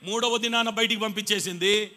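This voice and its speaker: A male pastor preaching a Sunday sermon. He tells his story quietly, then builds to shouted calls and urges the congregation to answer him. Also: high voice, fairly even intonation, brisk. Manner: rises from quiet storytelling to shouted exhortation, urging the congregation to respond. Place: church hall. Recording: live sermon with long hall reverb.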